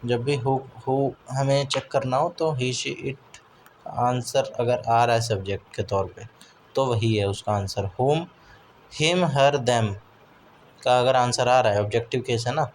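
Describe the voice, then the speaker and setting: A man teaching English question words. He reads the English example sentences slowly and clearly, then explains them quickly in Hindi, often checking with "है ना?". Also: medium pitch, steady tone, slight background noise, poor audio. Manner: keeps asking "है ना?" to check understanding. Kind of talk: spoken English lesson in Hindi.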